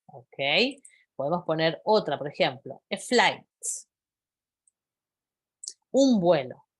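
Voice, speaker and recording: Woman, English lesson, slow, patient repetition, expressive. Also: low-pitched, breathy edge. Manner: patient, repeats English phrases slowly, checks with "¿sí?". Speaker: English teacher. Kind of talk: explaining vocabulary to a class.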